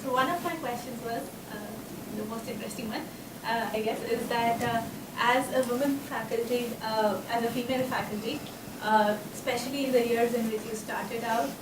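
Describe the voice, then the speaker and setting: A woman's voice: a little high, fairly even intonation, moderate pace. A young woman in the audience of a lecture hall asking a question, hesitant and full of "uh"s. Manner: hesitant, many "uh"s. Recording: roomy, distant audience mic with noise.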